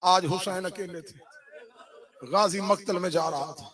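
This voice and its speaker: A man delivering a chanted mourning sermon at a religious gathering, with a passionate, half-sung lament that rises into shouting. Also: high voice, fairly even intonation.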